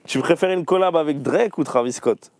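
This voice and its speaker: A man's voice: fairly high pitch, normal speed. A man hosting a casual livestream interview, firing off playful either-or questions and laughing often. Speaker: host.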